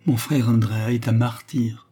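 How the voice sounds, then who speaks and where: A man playing a cool, measured nobleman. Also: medium pitch, steady tone, warm tone, lightly acted.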